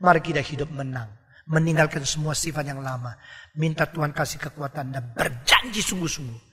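Guy preaching, high bright voice, shouts the big words, long hall reverb. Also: a little fast, breathy edge. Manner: emphatic, rising to shouts on key words. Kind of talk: sermon.

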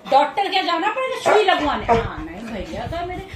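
A woman talking to her pet dogs in casual baby talk while she films, coaxing and scolding them gently and laughing often. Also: sits high, very animated, brisk, distant mic, crowd noise. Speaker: pet owner vlogger. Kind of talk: casual vlog, talking to pets. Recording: echoey room, voice off-mic, faint noise.

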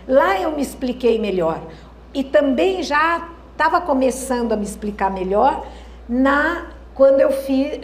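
A woman with a Brazilian Portuguese accent lectures at a university, searching thoughtfully for words and frequently posing rhetorical questions to the audience. Her voice is on the high side and a little mellow, in an echoey lecture hall with slight background noise.

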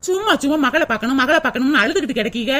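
Woman doing a cartoon daughter-in-law, high voice, quick and mocking. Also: lively intonation, a bit bright. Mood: scolding. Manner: fast and mocking. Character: sharp-tongued daughter-in-law bossing her mother-in-law. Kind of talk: cartoon voice acting.

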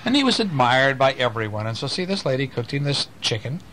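With wide pitch swings and a slightly quick pace, a parent reads a bedtime story to a young child in a medium-pitched, somewhat bright voice, full of expression. He interrupts himself to explain things and ask questions, and the amateur home recording is noisy.

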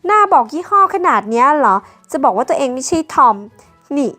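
A woman's voice: high voice, big pitch swings, brisk, sharp tone, soft background music, full character voice. A woman doing a haughty vain young woman, Bebe. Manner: haughty and bossy.

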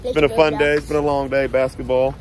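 A man in his thirties speaks quickly at medium pitch in a level tone while casually vlogging a road trip. With the phone camera held at arm's length in the car, a hotel and outdoors, he chats easily to his son and repeats himself.

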